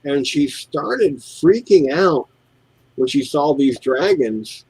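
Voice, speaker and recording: A middle-aged man from the United States tells stories in an animated way and acts out the customers he met. His voice sits a bit high for a man. The recording is dry and close, with no room sound. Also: slow pace, husky, no echo, low-quality recording. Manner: animated storyteller, mimics customers. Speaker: co-host. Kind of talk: casual chat while model building.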